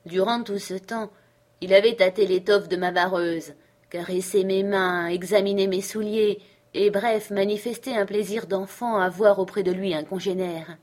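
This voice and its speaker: A woman narrating a classic adventure novel in a measured, expressive storytelling way. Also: mid-range voice. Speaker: audiobook reader. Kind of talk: literary narration.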